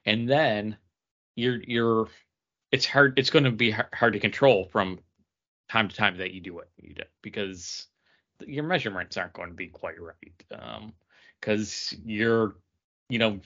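A man co-hosting a podcast chats casually about cocktails and explains things in detail. His voice is on the low side with a sharp tone, and the recording sounds lo-fi.

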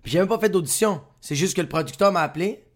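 A man's voice: sits high, quick pace. Man, Québécois accent, young adult, jokey, casual podcast talk, acts out voices. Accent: Québécois French. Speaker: podcast co-host, comedian. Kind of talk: casual chat.

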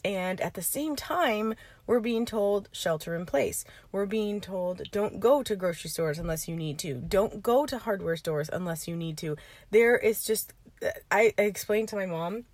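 Sitting in her parked car, a woman who hosts a podcast and coaches rambles in a chatty way, laughing now and then. Her medium-pitched voice is animated and darkish in tone at a normal speed. The recording is dry, made on an informal setup with no computer.

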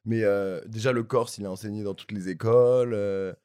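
Casual podcast guest, man, low register, halting and slangy. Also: fairly even intonation, darkish tone, clean tone. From France. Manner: halting, many repeated words, slangy. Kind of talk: casual chat.

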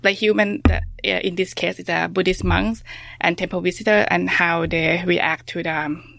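A woman with a Thai accent, a researcher answering interview questions in a halting way, full of fillers and restarts. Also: on the low side, fairly even intonation, creaky, no echo. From Thailand. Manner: halting, many fillers and restarts, soft-spoken. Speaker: researcher guest.

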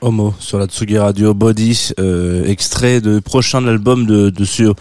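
A man's voice: lowish voice, steady tone, moderate pace, darkish tone, faint music behind. A man with a French accent hosting a radio show, chatting casually with many fillers and restarts. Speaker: radio host.

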